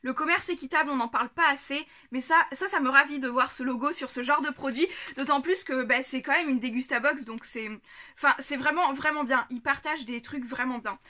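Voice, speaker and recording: Bright, high-voiced chatty woman vlogger. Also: fairly quick. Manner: chatty, giggly, many fillers. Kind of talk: casual unboxing chat. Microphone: camera on a tripod.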